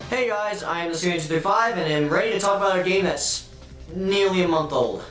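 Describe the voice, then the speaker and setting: A man reviewing a video game in a casual, excitable and sarcastic way, swearing freely, his voice doubled into a robotic, phasey sound. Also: high-pitched, brisk. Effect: doubled, phasey robotic-sounding audio from an editing mistake. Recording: echoey, distant, doubled audio with faint music.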